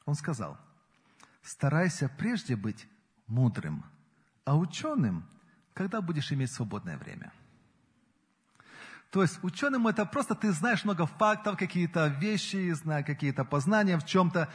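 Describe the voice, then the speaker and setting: A man in his forties delivers a sermon with a slightly husky, fairly high voice. He speaks earnestly, building up and then easing back. The sound carries a long reverb, as in a large church hall. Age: 40s. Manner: earnest, rises and falls in emphasis. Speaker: preacher.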